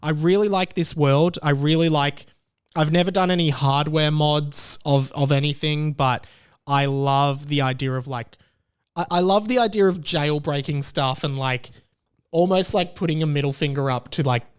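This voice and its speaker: A podcast host with a slightly high, clean-toned voice chats casually and rambles. He interrupts himself, restarts often, and fills his speech with fillers.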